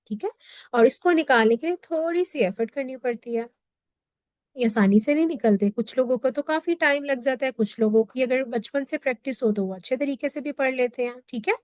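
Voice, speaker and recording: Woman teaching tajweed, higher voice, dry close mic, keeps asking if you got it, drags out letter sounds slow. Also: darkish tone, dry recording. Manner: explains patiently, checks in with "theek hai?" after each point; demonstrates letter sounds in slow drawn-out syllables. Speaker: Quran recitation teacher. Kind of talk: online tajweed lesson.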